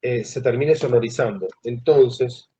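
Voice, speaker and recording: A male teacher giving a classroom lecture, who asks the students questions and pauses mid-phrase. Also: mid-range voice, mellow, slight background noise. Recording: dull lo-fi classroom recording.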